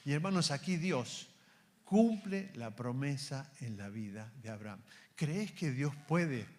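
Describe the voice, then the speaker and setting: A man with an Argentine accent, preaching a sermon to his congregation. He calls them brothers, asks many rhetorical questions and drops to a soft, slow voice when quoting God. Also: medium pitch, lively intonation. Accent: Argentine Spanish.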